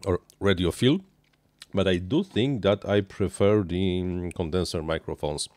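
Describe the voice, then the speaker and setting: Hunched over a small indoor workshop desk, an RC hobbyist in his thirties live-streams a model plane build, speaking into a close boom-arm dynamic mic with headphones on. He sounds nasal, low and darkish, with no room sound, and his improvised talk is halting, packed with uhs, restarts and non-native phrasing.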